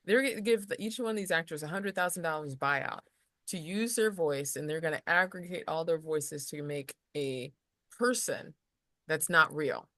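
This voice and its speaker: A woman tutors in a relaxed, explanatory way, circling back and restarting as she works through ideas. Now and then she slips into little example voices. Her voice sits on the low side and is recorded close and dry, with no room sound. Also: moderate pace, dry recording. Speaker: tutor explaining lesson material. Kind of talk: casual explanatory lesson.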